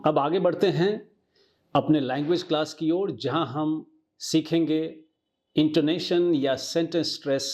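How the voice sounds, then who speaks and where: A man reading a formal prepared narration in a measured voice. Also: fairly high pitch, darkish tone. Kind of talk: scripted narration.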